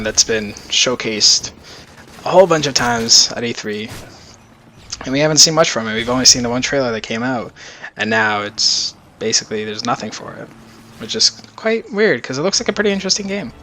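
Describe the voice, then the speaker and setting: A man's voice: medium pitch, moderate pace, pushed and bright, slight background noise. A man rambling casually through his video game predictions in a vlog. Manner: rambling, loose and chatty. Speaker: gaming YouTuber.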